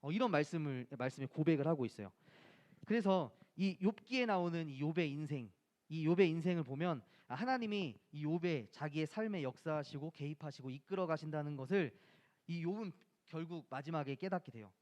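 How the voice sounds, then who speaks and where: A man's voice: fairly high pitch, lively intonation, a little fast, a little mellow. A man preaching a sermon as a pastor, talking conversationally and asking the listeners questions. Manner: acts out quoted voices of friends and scripture.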